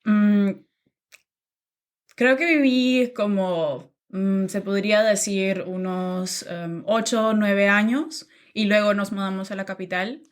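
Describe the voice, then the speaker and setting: A young podcast guest from Nicaragua talks about her life in an easygoing, casual conversation, slipping in plenty of "am" and "em" fillers and laughing often. Her voice is mid-range and her pace slow.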